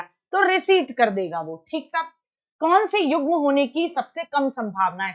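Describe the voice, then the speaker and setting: A woman's voice: sits high, highs cut off. A woman teacher giving an exam-prep lecture, acting out short everyday dialogues as she explains. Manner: animated, acts out little dialogues.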